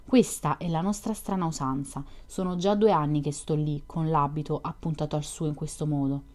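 A woman reading an audiobook, voicing a lively, curious young woman who chats and teases with questions. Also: low-pitched, normal speed, pitched below the performer's own voice, close to an everyday voice. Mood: chatty, teasing. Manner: chatty, teasing, questioning.

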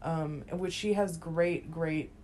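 A woman's voice: low voice, steady tone, slow, a little mellow. A woman in her twenties co-hosting a podcast, chatting bluntly and swearing freely. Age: 20s. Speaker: podcast co-host. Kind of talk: casual chat. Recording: faint background noise.

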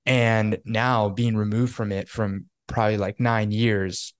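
A man's voice: on the low side, unhurried, no echo, clean studio sound. A young man from New York, casually telling a story on a podcast with lots of fillers. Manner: animated storytelling, many fillers. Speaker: podcast co-host. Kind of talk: casual chat.

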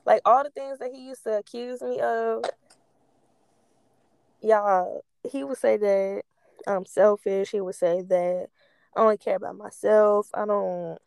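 A woman's voice: mid-range voice, steady tone, a little slow, creaky, darkish tone, clean tone, dry recording. A young woman telling personal stories casually, stoned and rambling, losing her thread, with candid slang and free swearing.

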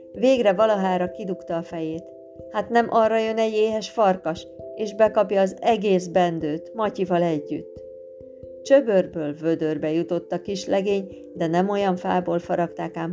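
A woman narrating a storybook tale in a lively, expressive reading, with guitar music behind. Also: fairly low pitch, creaky.

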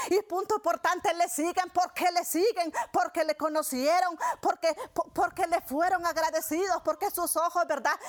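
A woman preaching a sermon, addressing the congregation as brothers and often repeating phrases with tag questions. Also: very high voice. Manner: frequent "¿verdad?" and "hermanos" fillers, repeating phrases.

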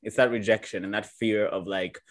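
A man's voice: fairly low pitch, steady tone, a little fast. A man in casual conversation, reflecting thoughtfully and often restarting his sentences. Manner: reflective, speaks in restarts and asides. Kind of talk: casual chat.

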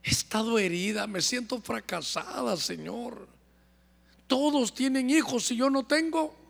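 A man's voice: very high-pitched, measured pace, creaky, exaggerated voice. A man doing a pleading, childless praying woman. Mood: anguished. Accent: Honduran Spanish. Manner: pleading, confessional prayer. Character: childless praying woman, bitter yet determined. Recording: long church hall reverb.

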